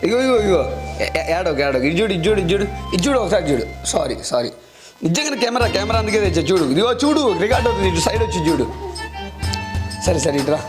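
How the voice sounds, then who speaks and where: A young man hosting a casual prank vlog at home, excitable and quick to repeat his words over and over. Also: high voice, music in the background, rough recording. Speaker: prank video host. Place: at home indoors.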